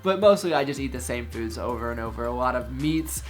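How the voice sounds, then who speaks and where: A man's voice: mid-range voice, lively intonation, fairly quick, faint music behind. A young man in his twenties talking casually to camera in a home gym, chatty and upbeat with self-mocking asides. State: out of breath after lifting. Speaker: fitness vlogger. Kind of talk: casual vlog talk to camera.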